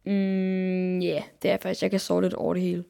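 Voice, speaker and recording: A woman's voice: on the low side, completely flat delivery, vocal fry, dark tone. Blunt young woman co-host. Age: young adult. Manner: blunt, mixes in English phrases, searches for words. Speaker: podcast co-host. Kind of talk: casual chat.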